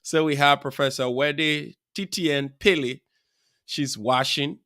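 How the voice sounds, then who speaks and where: A man hosting a live talk show, rambling through chatty shout-outs to viewers with frequent chuckles. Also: a little high, fairly even intonation, a little slow, no room sound, clean studio sound. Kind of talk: casual live-show chat. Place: studio.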